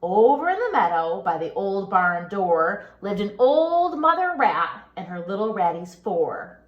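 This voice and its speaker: Here a woman of medium pitch reads a children's picture book in an expressive, singsong manner, breaking off to ask the kids questions as a pre-K teacher might. The recording has its high frequencies cut off.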